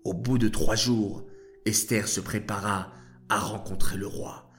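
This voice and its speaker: A man narrating a children's story in a slow, deliberate storytelling voice. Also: fairly low pitch, steady tone, a bit bright. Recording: faint background music.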